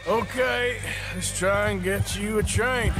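An actor playing a gruff, world-weary middle-aged cowboy outlaw in a video game, with an American Western drawl and a gravelly, laconic delivery. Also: male voice, high voice, takes it slowly. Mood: reflective, encouraging. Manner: laconic, dry. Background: loud music, horse hooves.

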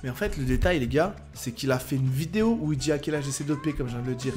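Male reaction YouTuber, quick ranting delivery, swears freely. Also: medium pitch, animated, a little mellow, soft background music. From France. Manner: angry, ranting, repeats words, swears. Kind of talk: heated reaction commentary.

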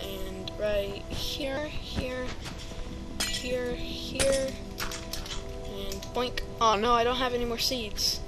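A woman with a fairly high voice speaks extremely slowly while giving casual let's-play commentary over background music. As a video game player, she's chatty and hesitant, full of ums and playful sound words.

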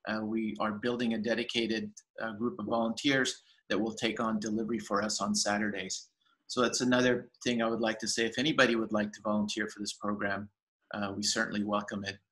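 A farmers market general manager in his fifties talks eagerly in a casual video-call interview from an indoor home room with shelves, full of fillers and restarts. His lowish, slightly bright voice is brisk with little pitch movement. It's captured on a laptop webcam, and the recording quality is low.

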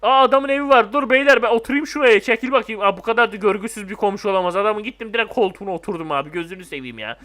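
A young man doing casual, excitable gameplay commentary, joking and talking to viewers. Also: high-pitched, racing, few pauses. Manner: excitable, jumpy, joking, talks to friends and viewers. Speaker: gaming YouTuber.

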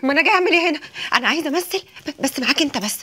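A woman's voice: high-pitched, animated, pushed and bright. An actress with an Egyptian Arabic accent playing an eager young woman desperate to act, in a TV drama. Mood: pleading. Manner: pleading, rapid and breathless.

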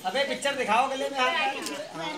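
A man running a street monkey show, calling out loud teasing commands to the animals. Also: very high-pitched, fast. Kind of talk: showman's patter to a crowd. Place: outdoors at a school ground. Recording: crowd noise around. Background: children's crowd.

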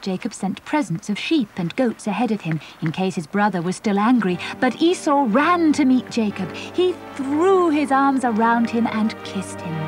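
A woman narrating a children's Bible story in a simple, clear storytelling manner. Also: a little high, animated, normal speed, hardly any pauses, faint music behind.

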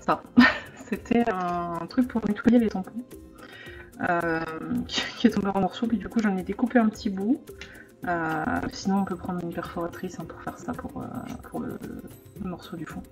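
A woman thinking aloud as she makes a card, with frequent hesitations and the odd hushed aside. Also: fairly low pitch, moderate pace. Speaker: crafting vlogger. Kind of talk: casual crafting tutorial. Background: background music.

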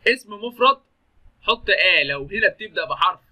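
Young Egyptian male teacher, fast and sharp-toned, chatty and jokey, answers his own questions. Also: high voice, animated. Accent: Egyptian Arabic. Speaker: English teacher. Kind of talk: lively classroom-style grammar lesson.

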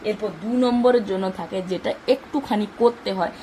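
A woman's voice: medium pitch, a little fast, warm tone, slight background noise, low-quality recording. A woman teaching a math lesson for exams, explaining step by step and answering her own questions. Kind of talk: exam-focused math lesson.

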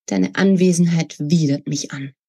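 A woman's voice: sits low, lively intonation, normal speed, mellow, slightly rough. A woman voicing a spiteful, scornful young woman in a read-aloud novel, talking in a mocking, sneering way.

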